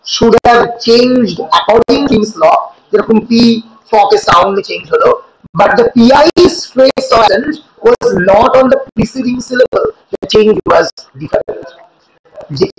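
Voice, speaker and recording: A high-pitched man with a Bengali accent teaches a class, explaining step by step and checking in with rhetorical questions. The room is echoey around his voice. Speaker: college teacher. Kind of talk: lecture in Bengali mixed with English.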